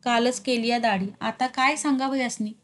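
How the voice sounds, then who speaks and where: A woman's voice: fairly high pitch, fairly even intonation, moderate pace, a bit bright, lightly acted. A woman plays a stubborn village man in a spoken story, refusing to give way. His talk is firm and countrified, a bit raised. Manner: firm, rustic dialect.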